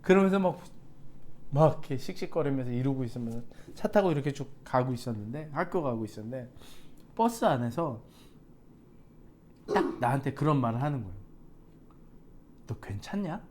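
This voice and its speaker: Lively male pastor telling a story. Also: medium pitch, a little fast, pauses often, a little hiss or hum. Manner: lively storytelling with asides to the congregation. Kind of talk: sermon. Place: church sanctuary.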